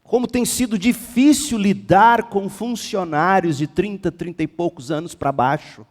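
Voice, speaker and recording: A male pastor with a Brazilian Portuguese accent, preaching a sermon with passion, swinging between hushed and forceful. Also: sits high, normal speed, in a large hall. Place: church sanctuary.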